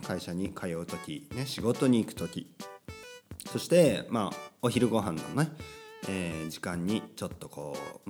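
A man's voice: lowish voice, a little mellow. A man hosting a podcast for language learners, talking casually from home in a chatty, rambling way with plenty of fillers and tag words. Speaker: podcast host. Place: home with a washing machine running.

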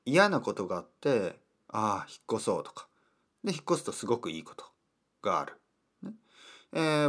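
A man hosting a casual solo talk, speaking slowly in simple words and stopping to explain terms, with chatty asides. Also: medium pitch, slightly rough. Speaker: podcast host.

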